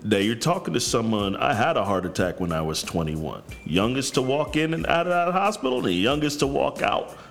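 A counselor from New York appears as a podcast guest, his deep, gravelly voice sing-song and fairly quick, with few pauses. In this candid conversation he's direct and blunt and swears freely, as soft music plays in the background.

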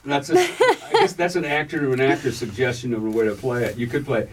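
A man's voice: mid-range voice, sing-song, fairly quick. A man running an acting class, giving encouraging notes and acting out line readings for his students. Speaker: acting coach. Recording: distant mic, faint room hiss.

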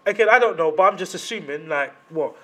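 A man's voice: on the high side, animated, fast, fairly bright tone. A man with a London roadman accent debating casually in street slang, emphatic and repeating his phrases for stress.

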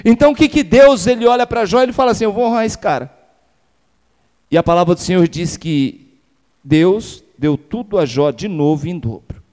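A man's voice: high-pitched, lively intonation, fairly quick, a little mellow. A male pastor with a Brazilian Portuguese accent, preaching a sermon emphatically, firing rhetorical questions and calling for amens. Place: church sanctuary. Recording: reverberant church hall.

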